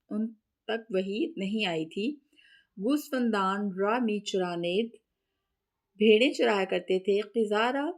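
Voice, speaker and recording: Woman teacher, steady line-by-line translation, repeats phrases to explain them. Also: medium pitch. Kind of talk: line-by-line text translation lesson.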